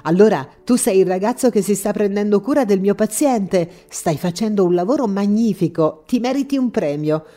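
A woman voicing an effusive female psychiatrist who gushes over a puppy, cooing in a high voice. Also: normal speed, few pauses, dark tone, natural voice. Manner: gushing, high-pitched cooing.

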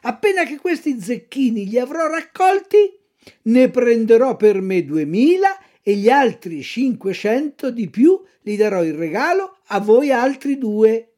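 A woman voicing a naive, excited wooden puppet boy in a storybook reading, eager and wide-eyed. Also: fairly high pitch, measured pace, voice pushed up.

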